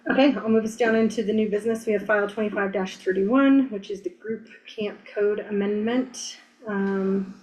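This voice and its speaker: Casting: American woman, meeting chair, middle pitch, plain procedural delivery, faint room noise. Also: fairly even intonation, moderate pace, darkish tone, poor audio. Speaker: planning commission chair. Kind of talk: running a public meeting, procedural. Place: indoor public meeting room.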